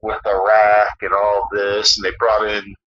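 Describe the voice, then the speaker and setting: A man's voice: on the low side, monotone, measured pace, dull audio, slight background noise. A man co-hosting a casual podcast, rambling through a story with many fillers and some swearing. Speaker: podcast co-host.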